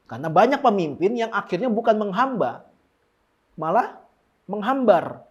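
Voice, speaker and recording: Male preacher, high voice, jokey and slangy, mimics other people's prayers. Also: big pitch swings, normal speed, slightly rough. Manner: joking, slangy, mimics lazy and bossy prayers. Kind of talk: casual sermon with mock impressions.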